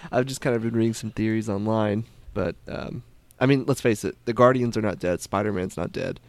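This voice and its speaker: A man's voice: fairly low pitch, a little fast, darkish tone, no echo. A man musing about movie theories in a casual chat, thoughtful and hedging.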